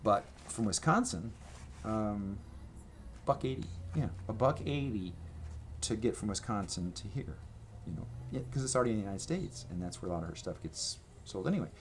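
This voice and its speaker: Speaking into his camera's microphone at a table, a man rambles through a casual show-and-tell of his merch, full of fillers and restarts, in a home room with gray walls and one red accent wall. His voice is on the low side and animated at normal speed, with a slight hiss or hum.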